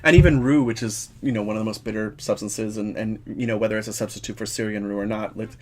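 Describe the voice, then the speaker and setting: Lower-voiced man, playful chat. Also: fairly even intonation, fast talker, darkish tone. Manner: playful, teasing quips between musings. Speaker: podcast co-host. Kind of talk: casual chat.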